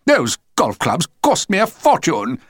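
A man voicing a pompous, blustering storybook father who shouts. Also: mid-range voice, huge pitch swings, moderate pace, no room sound, studio quality, heavily acted.

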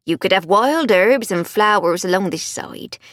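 A man's voice: high voice, animated, measured pace, a bit bright, no echo, clean studio sound, full character voice. A woman voicing an older male Yorkshire gardener, a plain-spoken former soldier with a blunt, homely way of talking, in a storybook reading. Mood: practical.

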